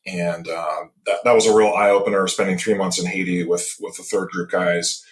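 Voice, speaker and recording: A man in his fifties from Michigan talks as a podcast guest, with a fairly low voice. He tells his stories reflectively and pauses often to find the next words. The room around him sounds noticeably echoey. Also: steady tone. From Michigan, USA. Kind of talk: casual interview. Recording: roomy echo.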